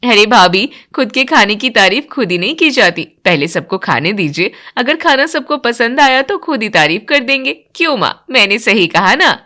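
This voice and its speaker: Cheeky young sister-in-law, quick and teasing, voiced by a woman narrator. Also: fairly high pitch, sing-song, sharp tone.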